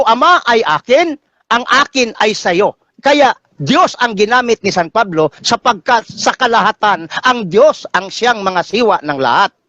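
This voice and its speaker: Filipino guy in a heated debate, high voice, dry close sound, kinda muffled. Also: sharp tone, no echo. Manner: insistent, cuts in to answer.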